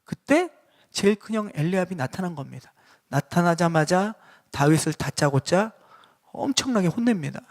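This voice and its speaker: A man's voice: sits high, expressive, moderate pace. A male pastor preaching a sermon in a church and putting questions directly to the congregation. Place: church sanctuary.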